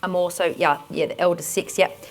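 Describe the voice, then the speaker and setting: A woman with an Australian accent presenting a conference workshop, giving direct, energetic instructions to the audience. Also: lowish voice, normal speed.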